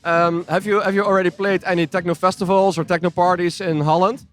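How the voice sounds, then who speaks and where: A man's voice: sits high, flat delivery, a little fast, a bit bright, soft background music. A man hosting a podcast, asking questions with short encouraging replies. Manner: brief encouraging replies, laughs often. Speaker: podcast host and interviewer. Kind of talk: casual interview.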